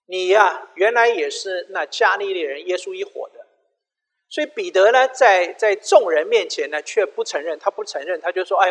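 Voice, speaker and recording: A pastor preaches in an animated voice, rising and falling a lot as he retells the story. He mixes English phrases into his sermon, and his words carry a long hall reverb. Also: high-pitched. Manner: retells scripture with quoted dialogue, mixing in English phrases.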